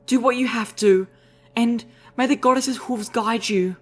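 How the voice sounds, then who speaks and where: A man voicing a gentle but resolute young unicorn mare healer in an audiobook reading, soft and earnest, firm when she makes up her mind. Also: extremely high pitch, a little slow, voice pushed up, heavily acted. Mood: grave resolve. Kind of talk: audiobook character voice.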